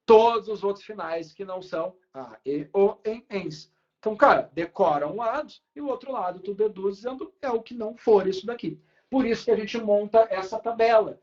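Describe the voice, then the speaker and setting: Lively Brazilian male teacher, roomy sound. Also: sits high, fairly quick, highs cut off. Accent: Brazilian Portuguese. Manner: lively, checks in with students often. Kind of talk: live online grammar class. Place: classroom at a whiteboard.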